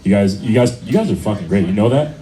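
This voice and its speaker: A man's voice: fairly low pitch, lively intonation, fast, very noisy. A man hosting a live bar comedy show, rallying the crowd and introducing the next comic. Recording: far from mic with loud crowd and music.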